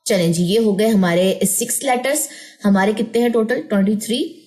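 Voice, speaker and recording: A woman teaching a Quran recitation lesson, explaining patiently and drawing out letter sounds slowly in drills. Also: mid-range voice, a little mellow. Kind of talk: slow tajweed lesson with drawn-out recitation drills.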